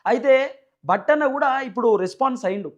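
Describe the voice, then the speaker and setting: A news channel host and political commentator with a Telangana Telugu accent speaks quickly in a high, expressive voice. He is emphatic and repetitive, relying on rhetorical questions, and the audio is a little dull and lo-fi.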